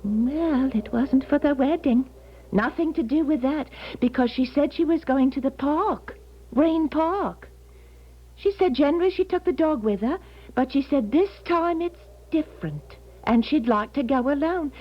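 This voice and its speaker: In a 1970s radio drama, an actress with a London accent plays a kindly working-class London charwoman, folksy and rambling. Her voice is high-pitched and unhurried, and her mood is chatty. The recording has the dull sound of a 1970s radio broadcast.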